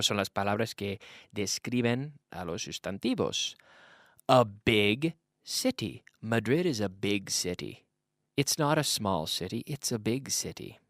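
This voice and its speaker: A man's voice: fairly low pitch, fairly bright tone, no room sound, studio quality. A man teaching a beginner English lesson, patiently repeating the key points and stressing his corrections.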